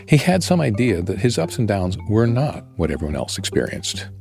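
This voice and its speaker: A man narrating a podcast story in a measured, scripted storyteller's delivery. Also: on the low side, very animated, vocal fry, music in the background.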